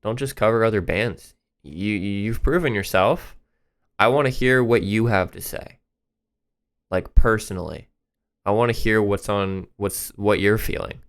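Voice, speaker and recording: A man's voice: lowish voice, a little slow, clean tone. A man hosting a reaction channel, talking casually and enthusiastically about songs as he thinks aloud.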